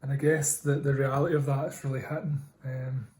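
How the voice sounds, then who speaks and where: A man's voice: mid-range voice, little pitch movement, brisk, warm tone, a little hiss or hum. A man with a strong, broad Scottish accent, talking casually in a personal video diary and taking care to be understood. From Scotland. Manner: speaking carefully to be understood. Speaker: vlogger.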